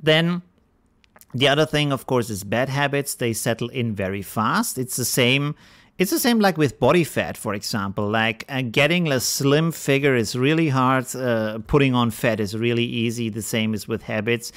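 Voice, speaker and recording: A man's voice: mid-range voice, moderate pace, fairly bright tone. A man hosting a video, giving frank, casual advice straight to camera with frequent fillers and restarts, an English speaker. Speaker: video host.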